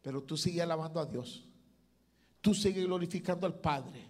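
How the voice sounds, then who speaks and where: A man preaching. He delivers an impassioned sermon as pastor, rising to loud calls and dropping to hushed asides. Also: on the high side, normal speed.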